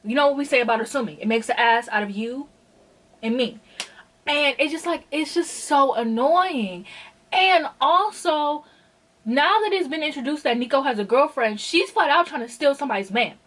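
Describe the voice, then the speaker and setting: A woman's voice: high voice, expressive, normal speed, fairly bright tone, rough recording. A woman talking casually in a book review vlog, chatty and exasperated, leaning hard on the filler "like". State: out of breath. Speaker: book vlogger.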